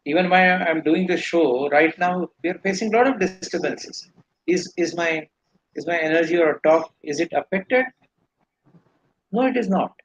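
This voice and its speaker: During a live Q&A, an Indian-accented man explains spiritual ideas earnestly and at length, rambling and restarting. His slightly rough voice is a little high, at a moderate pace, and the audio is dull.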